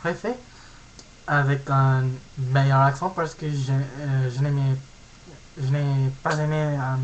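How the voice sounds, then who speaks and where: A young man from California in his late teens with an American accent, a native English speaker giving a halting, casual self-introduction on his vlog as he searches for words. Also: medium pitch, steady tone, slight background noise, low-quality recording. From California, USA. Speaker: vlogger.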